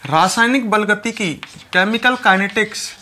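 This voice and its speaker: A man's voice: high-pitched, moderate pace, pushed and bright, slight background noise. Man teaching chemistry, repeating points. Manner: repetitive, instructive, addresses students directly. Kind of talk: classroom lecture.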